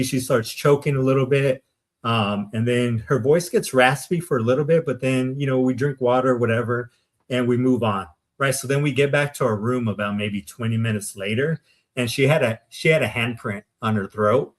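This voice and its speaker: A man from Arizona, a podcast guest, recounts his paranormal investigations in a loose, rambling way. He fills his talk with "um" and tags many sentences with "right?". His voice sits at an ordinary middle pitch for a man. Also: a bit bright. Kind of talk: casual interview storytelling.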